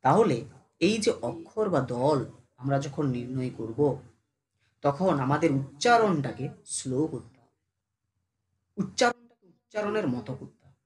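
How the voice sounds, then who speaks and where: A teacher giving a casual online class who speaks familiarly to the students, keeps asking if they follow, and slows down to sound out syllables one by one. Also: medium pitch, animated. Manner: addresses students familiarly, asks them constant check questions.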